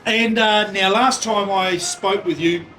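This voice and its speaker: A man's voice: sits high, a little slow, bright, forceful tone, faint music behind, poor audio. A man hosting a casual interview, prodding his guest with teasing questions. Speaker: host.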